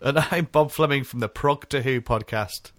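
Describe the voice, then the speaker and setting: A man's voice: mid-range voice, moderate pace, no room sound. Chatty man, dry sound. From North East England. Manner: chatty, laughs often, rambling recollections. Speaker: podcast co-host. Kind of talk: casual podcast chat.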